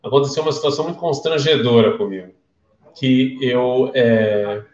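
In an echoey room with the highs cut off, a Brazilian man with a mid-range, darkish voice talks at normal speed. Speaking with a Brazilian Portuguese accent, he gives a casual live-streamed class, chatting, telling stories, and asking his listeners questions.

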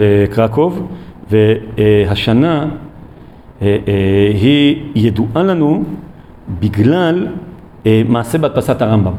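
A male Torah teacher gives a recorded lesson in a room. His voice is mellow and soft-edged, and he pauses often on long filler sounds as he thinks. A faint hiss of noise sits behind him. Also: medium pitch. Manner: hesitant, many drawn-out fillers.

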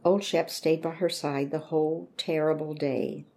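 A woman narrating a storybook in a steady, measured way. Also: low-pitched.

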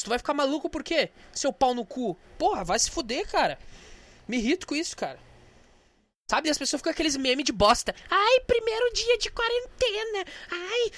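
A man's voice: extremely high pitch, bright, forceful tone, no room sound. A young man venting in an angry, profane, indignant monologue for his vlog. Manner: angry, swearing, indignant ranting. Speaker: vlogger.

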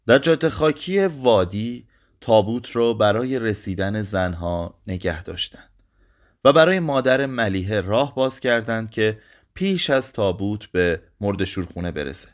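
A man reading a literary short story aloud in a slow, somber way. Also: lowish voice, lively intonation. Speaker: narrator.

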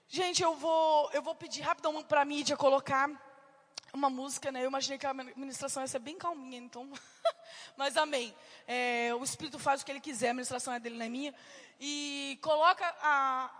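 A woman preaching a sermon and telling testimonies, fervent and emphatic, with sudden shouts. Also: high voice, big-room sound. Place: church hall.

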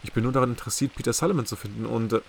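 A man's voice: medium pitch, very fast, creaky, a little hiss or hum, close to an everyday voice. A man voicing a puzzled, increasingly irritated male professor who answers defensively. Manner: defensive, agitated.

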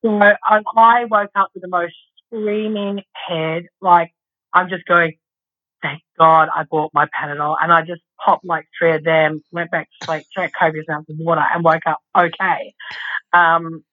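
A woman's voice: lowish voice, flat delivery, normal speed. Chatty woman, slightly dull audio. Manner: chatty, rambling, swears casually. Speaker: podcast co-host. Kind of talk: casual chat. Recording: dull lo-fi sound.

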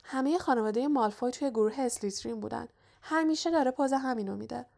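A woman's voice: on the high side, vocal fry, a little mellow, voice pushed up. A woman narrator voicing an earnest, brooding young schoolboy wizard.

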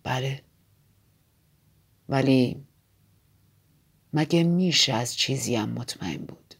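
A woman reading an audiobook voices a brooding aristocratic man in a low, soft, often whispered voice. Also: vocal fry, slightly rough, exaggerated voice. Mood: calm, musing.

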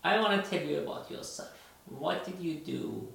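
On a casual podcast he co-hosts, a man from Iran talks hesitantly, with frequent fillers and restarts, at a normal speed. His voice is on the high side, animated, gravelly and a bit bright. The recording is very echoey, from a distant microphone.

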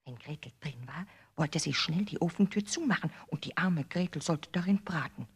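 A woman narrating a fairy tale in a measured, expressive storybook reading. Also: sits low, husky.

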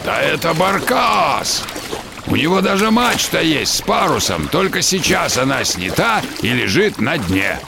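A man's voice: a little high, big pitch swings, measured pace, gravelly, background noise, heavily acted. A man playing a hearty seafaring uncle who commands and explains things to children in a radio adventure drama. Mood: commanding, knowing. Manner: commanding, explanatory, salty sailor talk.

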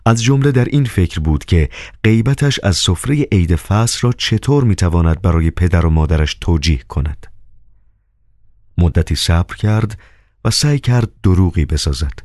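A man reading a novel aloud as an audiobook narrator, steady and measured. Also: sits low, no room sound, studio quality.

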